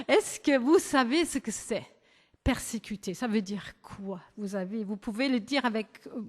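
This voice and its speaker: Woman, German accent, church service leader, slow hesitant speech, long hall reverb. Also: a little high. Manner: gentle, hesitant, with frequent pauses and self-corrections.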